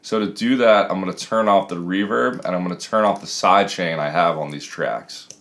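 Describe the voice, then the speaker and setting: Low-voiced man giving a casual tutorial. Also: normal speed, fairly bright tone. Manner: casual, explanatory. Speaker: music production tutor. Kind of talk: casual screen-recorded tutorial narration. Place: small home room.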